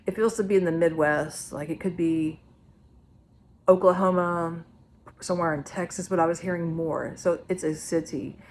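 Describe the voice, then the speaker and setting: A woman with a fairly low voice talks casually to her viewers, rambling from one prediction to the next. Her speech is loose and unscripted. A faint hiss sits under her voice. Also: fairly even intonation, moderate pace, darkish tone. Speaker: psychic vlogger.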